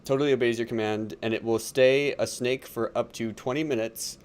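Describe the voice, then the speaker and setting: A man's voice: medium pitch, fairly even intonation, fairly quick. A man running a tabletop game as game master, talking casually with lots of fillers and laughs. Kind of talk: narrating a tabletop game on a livestream.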